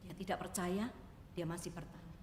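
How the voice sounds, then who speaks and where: A woman's voice: fairly low pitch, steady tone, fairly quick, a little mellow. Woman preaching in an echoey hall. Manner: addresses congregation often, voices characters in quotes. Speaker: evangelist preacher. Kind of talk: sermon storytelling. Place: church hall. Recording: echoey church hall with faint noise.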